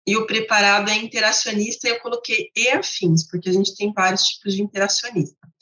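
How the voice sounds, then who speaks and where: A Brazilian woman gives a teaching talk to teachers at a medium pitch, laying out her points step by step through contrasts. Her voice carries a noticeable room echo. The recording sounds slightly dull. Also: sharp tone. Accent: Brazilian Portuguese. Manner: didactic, repeats points with contrasts. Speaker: literacy educator.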